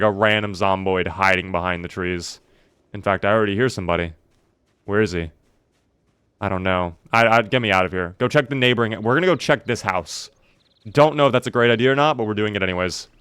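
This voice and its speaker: A man's voice: lowish voice, a bit bright, clear, resonant tone, dry recording, studio quality. A man doing casual live commentary while playing a survival video game, chatting to viewers in a wry, mock-dramatic way.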